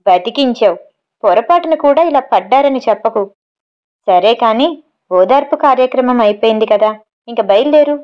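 A woman's voice: fairly high pitch, animated, moderate pace, lo-fi sound, close to an everyday voice. A woman reading as a worried, wry young man.

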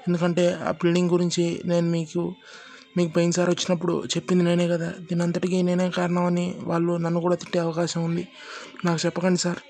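A man's voice: high voice, monotone, a little fast, a little mellow. A man voicing a worried, deferential female housemaid who pleads respectfully in a horror story. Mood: anxious, pleading.

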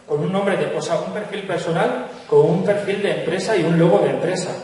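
A young man gives a joking conference talk into a handheld mic, often checking in with the audience. His voice sits fairly high. It rings through a large echoey hall and is picked up from far away. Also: darkish tone. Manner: chatty, jokey, asks "¿vale?" often. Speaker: guest speaker. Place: large lecture hall with stage. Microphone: handheld mic, recorded from far camera.

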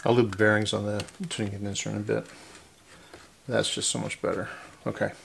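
An older man, a hobbyist repair vlogger, mutters to himself at a cluttered indoor workbench, offering folksy, casual commentary as he works. His voice is lowish, gravelly and brisk, with little pitch movement. Faint noise and clicks run through the recording.

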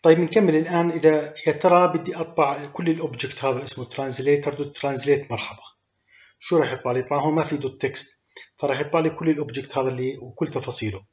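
A man's voice: a little high, fairly even intonation, very fast, darkish tone. A man teaching programming, explaining step by step with many fillers and English code terms. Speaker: programming instructor. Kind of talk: screen-recorded coding tutorial. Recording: echoey room, dull lo-fi sound.

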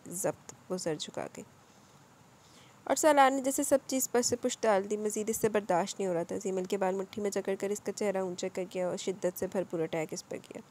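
A woman reading a romance novel aloud as narrator, in steady storytelling with small slips. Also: mid-range voice. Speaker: audiobook narrator.

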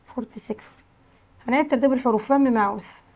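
A woman with an Egyptian accent teaching English to young children, slowly modelling words and letter sounds. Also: fairly high pitch, darkish tone. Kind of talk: classroom lesson explanation.

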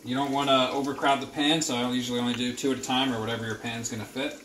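A man's voice: medium pitch, level tone, very fast. A young man casually walking through a recipe in his home kitchen, plain-spoken and full of fillers. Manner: laid-back, plain-spoken, filler-heavy. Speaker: home cook. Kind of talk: casual cooking demonstration. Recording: noisy home kitchen with sizzling.

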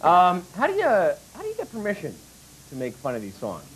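A man's voice: high voice, huge pitch swings, a little fast, poor audio. A jokey, playful man hosting a comedic late-night chat show, heard from a worn videotape copy. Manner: jokey and playful, breaks into laughs. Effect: worn VHS tape copy. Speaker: talk show host. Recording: hissy worn videotape dub.

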